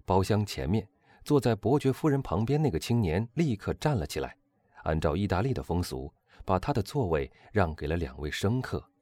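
A man reading a classic novel aloud as audiobook narrator, in smooth storytelling narration. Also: sits low, sing-song, moderate pace, darkish tone, no echo. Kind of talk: scripted narration.

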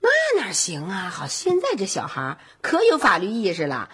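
A flustered middle-aged mother, with a husky, slightly raised voice that leaps around wildly whenever she is caught out. She stammers and turns defensive in the heat of a family quarrel. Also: lowish voice, huge pitch swings, normal speed, fairly bright tone, heavily acted. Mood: chatty.

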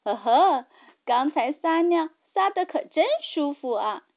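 A woman's voice: sits high, animated, a little slow. A woman voicing a little cat-fish creature, childlike and squealing, in a children's storybook. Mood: happy. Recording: tinny phone-like sound.

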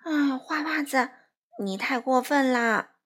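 A woman voicing a stern mother who scolds in a firm, loud voice. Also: fairly high pitch, sing-song, moderate pace, husky, heavily acted.

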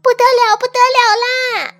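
A woman voicing a small, bold, excitable pet fish in a children's storybook reading, with a squeaky, bubbly voice. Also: measured pace, soft background music, full character voice. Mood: alarmed.

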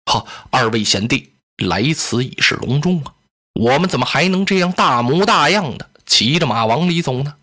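A polite, gentle lord speaks in a low, hushed and measured voice, far deeper and quieter than the storyteller's own. A man plays him in Chinese oral storytelling. He stays courteous and calm with a faint huskiness. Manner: polite, calm, soft-spoken. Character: courteous gentle eldest-brother lord, male adult.

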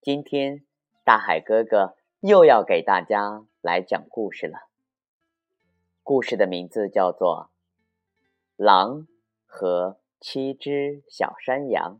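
Slow sing-song male storyteller. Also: fairly low pitch, expressive, lo-fi sound, soft background music. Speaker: children's storyteller. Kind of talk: children's story narration.

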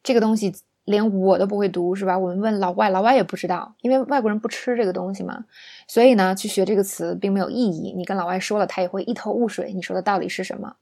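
A woman teaching English vocabulary in a chatty, casual lesson, saying each word slowly so listeners can repeat it. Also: medium pitch, fairly even intonation, vocal fry, warm tone. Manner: chatty, drills words slowly for repetition.

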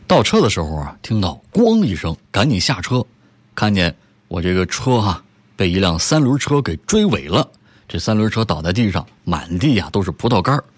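Lively male host telling jokes. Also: fairly low pitch, normal speed, husky, no room sound, soft background music. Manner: lively storyteller who laughs at his own jokes and acts out characters. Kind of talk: joke-telling comedy segment.

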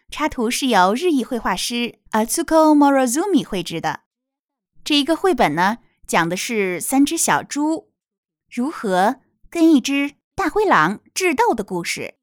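Lady teacher doing a kids rhyme lesson, high voice, slow and clear. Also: dry recording, clean studio sound. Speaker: children's English teacher.

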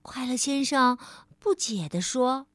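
A woman storyteller reading a picture book aloud to a child, gently addressing the listener as darling. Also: sits high, takes it slowly, no room sound, studio quality.

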